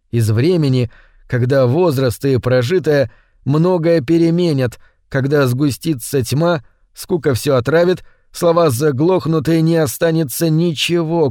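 A man narrating a scripted horror story in a measured, suspenseful way. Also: a little high, dark tone, no room sound, clean studio sound.

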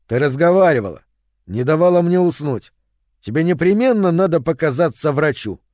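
A man voicing a jealous, hot-tempered Martian husband who talks loudly and sternly, raising his voice. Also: on the high side, animated, normal speed, dry recording, studio quality, voice pushed up, lightly acted.

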